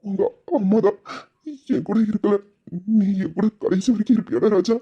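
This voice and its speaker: A woman's voice: medium pitch, moderate pace, husky, highs cut off. A woman voicing a loving, tearful middle-aged father in an amateur audio drama. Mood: tender. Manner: tender, emotional, pleading.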